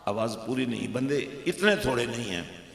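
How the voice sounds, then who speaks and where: A man preaching a fervent sermon in a mosque, his voice swelling to loud exhortation. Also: mid-range voice, lively intonation, moderate pace, gravelly, noisy background. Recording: echoey mosque hall.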